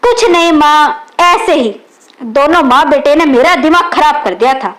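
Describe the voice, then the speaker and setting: A woman reading the lines of a young married woman who is quick to anger and later sorry, in a storybook reading. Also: sits high, lively intonation, a bit bright. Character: young married woman, hot-tempered then remorseful.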